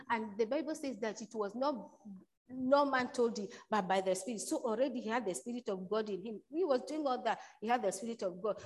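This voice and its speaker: A woman preaching a sermon in a loose, conversational way, often restarting and saying "you know", and she pushes certain points out louder. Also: fairly high pitch, low-quality recording.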